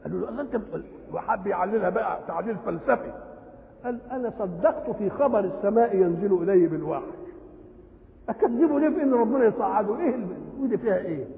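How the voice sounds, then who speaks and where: An older man with an Egyptian accent giving a lively religious lesson, often asking his listeners a question and then answering it himself. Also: sits high, very fast, vocal fry. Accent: Egyptian Arabic. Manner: animated, asks questions and answers them himself. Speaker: Quran commentator. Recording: tinny, echoey old hall recording.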